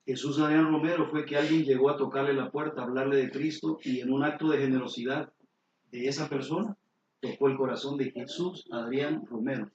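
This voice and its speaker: A middle-aged man, preaching a sermon as pastor with lively storytelling and questions to the congregation. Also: mid-range voice, fairly quick, a little hiss or hum. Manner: animated storytelling, sudden exclamations, rhetorical questions to the congregation. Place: church sanctuary. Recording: roomy hall, distant mic, dull and lo-fi.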